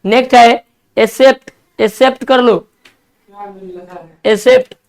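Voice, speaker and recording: Man, classroom English-vocab teacher, clear smooth voice, spells words out, coaxing. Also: very high voice, fairly even intonation. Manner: spells words letter by letter, coaxing students to write fast.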